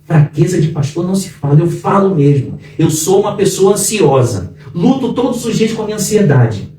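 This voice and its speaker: A man's voice: high-pitched, big pitch swings, moderate pace, mellow, a little hiss or hum. A middle-aged male pastor preaching a sermon with emphasis, acting out prayers and inner dialogue. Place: church hall. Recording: echoey room, voice from far off.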